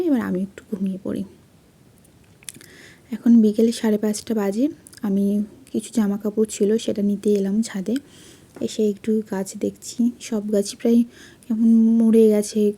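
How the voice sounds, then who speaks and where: A young woman, a vlogger doing a soft late-night voice-over, speaking quietly so she won't wake her sleeping child. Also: mid-range voice, creaky, breathy edge.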